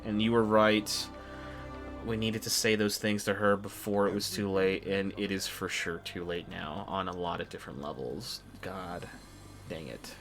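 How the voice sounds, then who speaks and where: A man giving casual gameplay commentary, earnest and halting as he rambles through his reactions. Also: low voice, steady tone, over music. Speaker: gamer reacting to game story.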